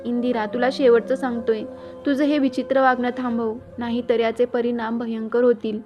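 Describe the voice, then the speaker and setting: A stern, domineering father, voiced by a woman storyteller scolds harshly in a narrated storybook. The voice stays high and flat. Soft music plays under a dull, lo-fi recording. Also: normal speed, lightly acted. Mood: scolding. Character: stern angry middle-aged father, domineering.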